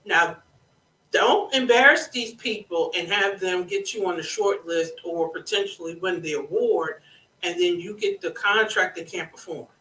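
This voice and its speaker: An unhurried consultant talks through government contracting step by step, hammering key points home with a bright, forward tone. A scratchy throat keeps interrupting with small clears. The voice sits back from the mic in an echoey room. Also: mid-range voice, recorded from a distance. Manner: deliberate, instructive, repeats points for emphasis. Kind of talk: live educational monologue. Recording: roomy echo, speaking away from the mic.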